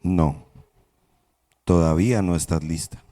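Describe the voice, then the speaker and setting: A preacher doing a calm, patient old potter. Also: male voice, low voice, pitched below the performer's own voice. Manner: calm, soft, unhurried, smiling. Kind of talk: sermon storytelling.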